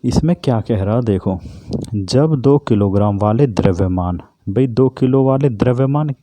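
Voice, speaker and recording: A man's voice: mid-range voice, warm tone, no room sound. A man teaching an exam-prep physics lesson, who keeps asking questions and answering them himself. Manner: repetitive, asks and answers own questions.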